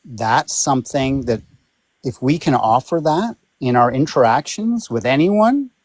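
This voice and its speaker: A man's voice: medium pitch, animated, measured pace, a little mellow, no room sound. A man talking casually as a guest, informal and emphatic with a self-deprecating streak. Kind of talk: casual conversation.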